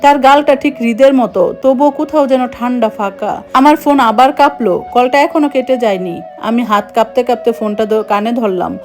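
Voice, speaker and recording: A woman telling a suspenseful first-person story in an even, hushed narrating voice. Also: a little high, moderate pace, few pauses, soft background music.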